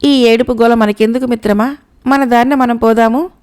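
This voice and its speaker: A woman's voice: a little high, steady tone, moderate pace, darkish tone, clear, resonant tone, natural voice. A woman reading the lines of a timid young man who stammers when scared and mocks others to hide it. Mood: nervous teasing. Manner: nervous, teasing talk. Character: timid, joking young male companion.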